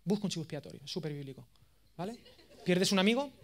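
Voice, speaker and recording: A man in his thirties with an accent from Spain, giving a course lecture as a lively, self-mocking storyteller. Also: high voice, quick pace, slight background noise. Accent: Spain Spanish. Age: 30s. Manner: animated, self-mocking, jokey.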